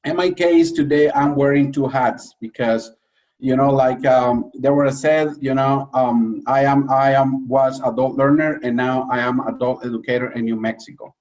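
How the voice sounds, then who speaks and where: A man with a Honduran Spanish accent speaks earnestly about his path, restarting phrases now and then as he finds his words. He sounds somewhat far from the microphone, as on a video call. His pitch sits in an ordinary middle range. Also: fairly even intonation, moderate pace, darkish tone. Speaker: adult educator, panel speaker. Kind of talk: prepared personal talk at a briefing.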